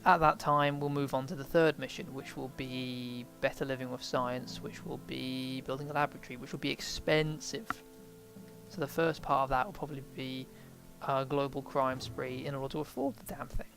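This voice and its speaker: A man's voice: medium pitch, little pitch movement, normal speed, vocal fry, a bit bright, soft background music. A man giving casual let's play commentary, rambling and thinking aloud as he plays a game. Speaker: game streamer.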